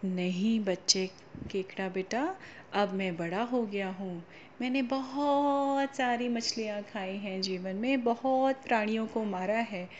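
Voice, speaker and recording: A woman voicing a lazy, cunning old male heron who speaks calmly and plays pious and helpless, in a storybook tale. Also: on the high side, a little slow, dull audio, slight background noise, lightly acted. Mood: falsely pious. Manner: calm, falsely pious and helpless.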